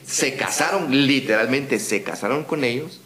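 A man's voice: medium pitch, normal speed, crowd noise. Guatemalan man with a roomy echo. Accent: Guatemalan Spanish. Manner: animated storyteller acting out emails and calls. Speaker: guest, dubbing studio founder. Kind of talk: casual podcast conversation.

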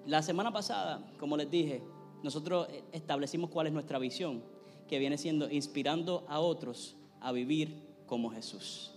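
High-voiced pastor preaching in a reverberant church. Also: male voice, normal speed. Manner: preaches with rising intensity, prays fervently. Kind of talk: sermon. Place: church sanctuary. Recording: long hall reverb, faint music.

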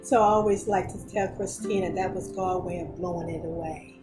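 A woman telling a story about a friend in casual storytelling style, unhurried and soothing. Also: fairly low pitch, low-quality recording. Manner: unhurried, soothing when retelling how she calmed her friend. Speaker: interviewee, friend of the patient. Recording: music playing underneath.

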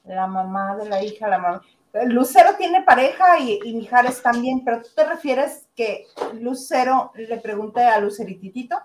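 A woman co-hosting a radio show, cutting in with quick, teasing remarks. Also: fairly high pitch, animated, a little hiss or hum. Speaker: co-host. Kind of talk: casual radio chat.

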